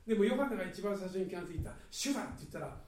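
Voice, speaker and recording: A man preaching a sermon earnestly, swinging between loud and hushed delivery. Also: high voice, expressive, racing. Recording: echoey hall, mic at a distance.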